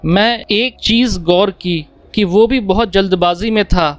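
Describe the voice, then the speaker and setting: A man's voice: high voice, a little slow, no room sound. A man narrating a first-person horror story in a plain storytelling manner, speaking the dialogue in his own voice. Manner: plain storytelling, voicing dialogue without changing voice. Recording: dry close mic with faint music behind. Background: faint background music.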